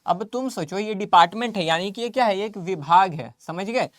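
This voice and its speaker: A male commerce teacher gives a casual classroom lecture in a high, fairly bright voice, talking a little fast. He blends Hindi with English terms, repeats himself and coaxes, answering the questions he imagines his students asking. The studio sound is clean, with no echo.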